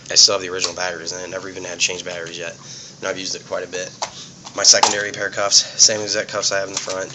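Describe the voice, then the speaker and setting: Still sniffly from a cold he is getting over, a low-voiced man gives a simple, casual rundown of his police equipment in plainspoken terms. Background noise is audible.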